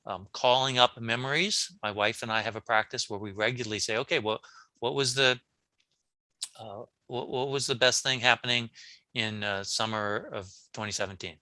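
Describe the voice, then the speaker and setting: Bright-voiced man telling stories animatedly. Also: medium pitch, normal speed, no room sound. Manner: animated storyteller, many restarts. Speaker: podcast guest, brain coach. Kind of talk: casual interview conversation.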